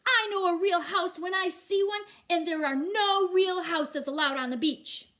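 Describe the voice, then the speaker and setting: A woman voicing a bossy, indignant storybook judge, loud and scolding. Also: very high-pitched, unhurried, pitched above the performer's own voice.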